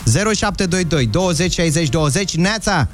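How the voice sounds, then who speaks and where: A man hosting morning radio in a studio, in a fairly high voice and a loose, joking way. He reads listener notes aloud and laughs often, with faint music under him. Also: expressive. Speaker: morning radio show host. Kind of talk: casual radio banter, reading listener messages.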